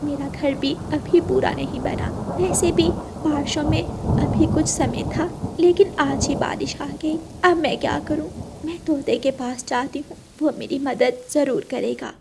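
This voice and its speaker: A woman voicing a small, gentle mother sparrow in a cartoon, talking softly and pleadingly. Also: high-pitched, steady tone, a little slow, background noise, pitched above the performer's own voice. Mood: worried. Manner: pleading, soft-spoken.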